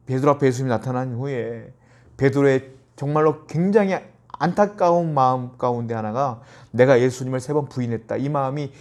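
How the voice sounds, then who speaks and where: A man preaching a sermon as pastor, dropping into a softer, lower voice when he acts out quoted lines. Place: church.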